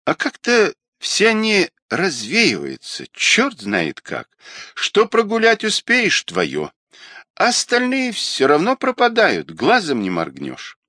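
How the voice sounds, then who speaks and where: A man's voice: high-pitched, huge pitch swings, slow, bright, forceful tone, no echo, clean studio sound, pitched above the performer's own voice, heavily acted. A man voicing a guilt-ridden young male small-time trader who talks in a confessional, self-pitying way. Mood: rueful.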